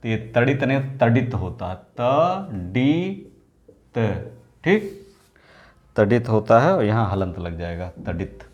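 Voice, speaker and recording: A man teaching an exam-prep lesson, repeating each word and firing off quick rhetorical questions in an informal, coaxing way. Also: on the low side, lively intonation, a little mellow. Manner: drills words by repetition, asks quick rhetorical questions.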